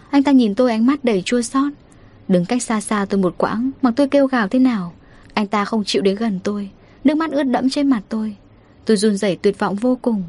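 A woman storyteller, narrating a first-person story in a steady, emotive reading. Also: medium pitch.

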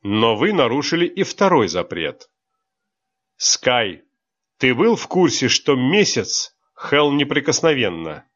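A cold, strict instructor, as a male narrator plays him, laying out accusations in a slow, measured reproach. The pitch rises and falls with pointed emphasis. The recording is slightly dull. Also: big pitch swings, a bit bright, heavily acted.

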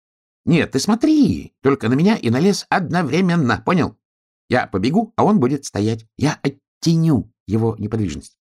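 A man's voice: medium pitch, normal speed, husky, voice pushed up. A man voicing an eager little hedgehog. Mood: insistent, excited. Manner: excitable, insistent, explaining. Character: small eager bossy male hedgehog.

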